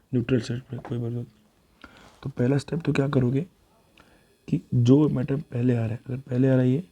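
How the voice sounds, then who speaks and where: A man's voice: medium pitch, warm tone, muffled recording. A man teaching a chemistry revision lesson, talking students through worked examples step by step and correcting himself as he goes. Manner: talks students through worked examples, calls them beta; thinks aloud and corrects himself.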